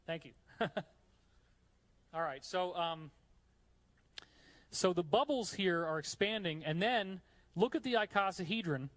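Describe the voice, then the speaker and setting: His high-pitched, somewhat bright voice is animated yet measured, with frequent pauses. A New Yorker lecturing live with slides in a hot room, the conference speaker explains with eagerness and drops chatty remarks to the audience.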